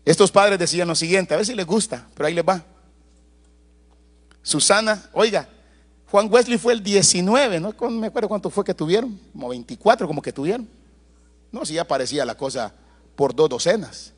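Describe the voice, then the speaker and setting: A man with a notably high voice delivers a sermon in a church. He preaches in an animated way, with loud bursts and asides to the congregation as he tells family stories. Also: moderate pace, slightly rough. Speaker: pastor.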